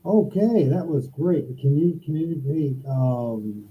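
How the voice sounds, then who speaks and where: A man's voice: a little high, lively intonation, slow. A man on a video call whose voice comes through muffled, as if he is talking inside a barrel, chatting casually and joking. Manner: joking, laughing at his own remarks. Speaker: discussion participant.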